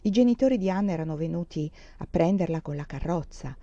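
A woman reading a novel aloud in a measured, expressive narration, close to the mic. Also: fairly low pitch, no room sound, muffled recording. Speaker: audiobook reader.

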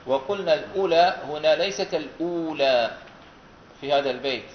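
A man's voice: fairly high pitch, a little fast, noisy background. A man teaching a class on Quran recitation, asking his students questions and repeating their answers back patiently. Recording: roomy, dull lo-fi classroom recording.

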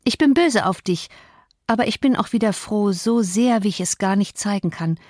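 A woman voicing a spirited, headstrong teenage girl in an audiobook, speaking in quick, indignant questions. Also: medium pitch, darkish tone, dry recording, clean studio sound, close to an everyday voice. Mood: reproachful.

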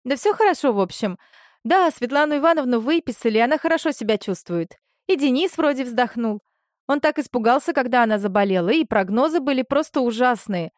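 A woman's voice: high-pitched, a little fast, no room sound, studio quality, voice pushed up. A woman voicing a chatty female friend talking on the phone. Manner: lively, gossipy.

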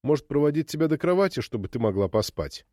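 A patient aging husband who soothes with calm, gentle reassurance, his voice lively in pitch, as a man reading a storybook plays him. The sound is close and dry. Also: fast, no echo.

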